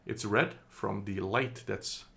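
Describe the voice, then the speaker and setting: A man from the Netherlands gives a casual product review slowly, his lowish voice gravelly and a bit bright. He comes across as chatty and hesitant, with many ums and self-corrections. The recording is from a phone camera indoors.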